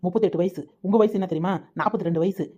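A woman plays a blunt village woman in a cartoon, with a dark, mellow voice. She talks quickly and matter-of-factly, and the sound is dull and muffled. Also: on the low side, lightly acted. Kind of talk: cartoon voice acting.

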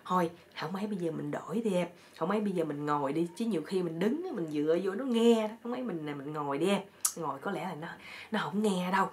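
A woman voicing a husband who talks low and hushed. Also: fast talker, close to an everyday voice.

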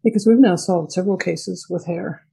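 A woman's voice: fairly low pitch, moderate pace, vocal fry, dark tone, husky, rough recording. An older woman from New Zealand, a genetic genealogist, answering questions as a guest in a casual interview.

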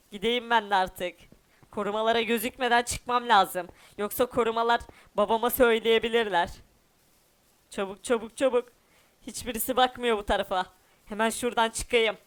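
Casting: man doing a whiny runaway boy in a cartoon game parody, high-pitched and sulky. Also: pushed and bright, clean tone. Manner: whiny, sulking, talks to viewers.

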